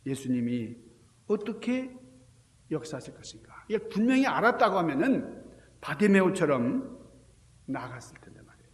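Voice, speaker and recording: Brief: male pastor preaching, animated storytelling, slightly high voice, roomy sanctuary sound. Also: moderate pace, pauses often. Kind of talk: Sunday sermon. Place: church sanctuary. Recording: echoey church hall reverb.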